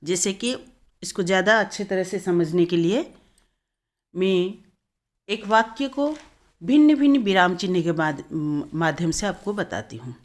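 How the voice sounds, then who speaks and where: A woman's voice: fairly low pitch, expressive, unhurried. A woman teaching a Hindi grammar lesson, explaining step by step and often correcting herself.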